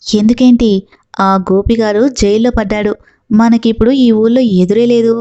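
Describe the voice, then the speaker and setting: A woman reading the lines of a domineering, lecherous male village landlord in a gruff, scolding way. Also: on the high side, level tone, moderate pace, warm tone, lo-fi sound, natural voice. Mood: bossy.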